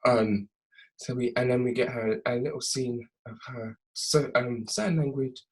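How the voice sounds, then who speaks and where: A young man casually recapping a TV episode, chatty and animated, laughing often. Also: mid-range voice, measured pace. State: tired.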